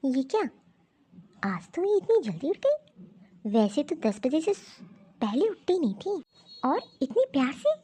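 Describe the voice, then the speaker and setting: A woman voicing a mild, busy young daughter-in-law in an animated cartoon story, puzzled and often talking to herself. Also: sits high, unhurried, long pauses.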